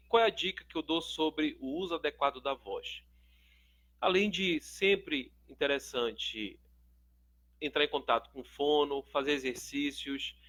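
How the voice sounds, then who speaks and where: A man with a Brazilian Portuguese accent teaches public speaking in an instructional video. His voice sits a little high for a man, and he delivers the lesson with animation, swinging between deep and high tones and loud and soft passages to show each point. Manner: animated, swings his pitch and loudness to demonstrate; asks the viewer "tudo bem?" often.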